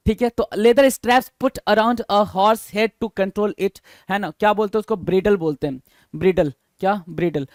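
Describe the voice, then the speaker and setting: Man teaching vocabulary, higher voice, dry sound. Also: dry recording. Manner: mixes Hindi and English, repeats each answer and spells it letter by letter; asks the viewer questions and answers them himself. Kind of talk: recorded vocabulary lesson.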